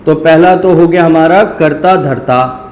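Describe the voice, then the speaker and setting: A male teacher giving a patient lesson, asking questions and answering them himself, repeating key words slowly. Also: on the high side, darkish tone, a little hiss or hum. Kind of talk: classroom-style lesson. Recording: echoey room with long reverb.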